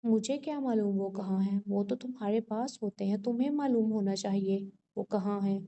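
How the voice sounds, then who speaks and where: A woman's voice: medium pitch, highs cut off, slight background noise, close to an everyday voice. Woman reading as a bitter wronged young woman. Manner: bitter, sharp-tongued.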